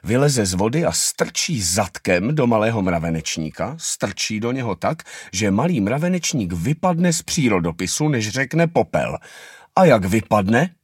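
A man narrates a children's story with a playful, expressive delivery and a low voice. His pitch moves widely through each sentence, recorded close and dry. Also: husky, no room sound. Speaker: audiobook reader.

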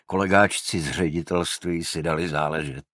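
A man's voice: low voice, fairly bright tone, dry recording, studio quality. A man voicing a grumbling, complaining male detective in an audiobook. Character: grumbling male detective, moaning about women. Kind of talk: audiobook character voice.

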